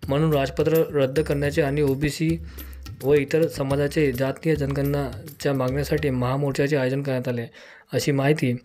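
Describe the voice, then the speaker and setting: A man reading a scripted news report in a formal, even delivery, as a voice-over. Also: medium pitch. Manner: flat, rapid formal reading. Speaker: news reader. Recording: voice-over with faint music bed.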